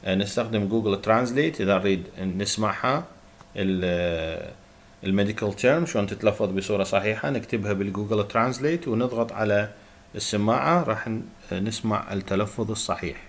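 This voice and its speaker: Hesitant fillers pepper this recorded university lecture, where a lowish-voiced man with an Iraqi Arabic accent reads English terms slowly before explaining them.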